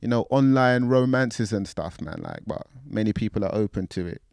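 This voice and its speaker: A man's voice: fairly low pitch, normal speed, vocal fry, darkish tone, clean tone, dry recording. A man interviewing casually, with laid-back street slang.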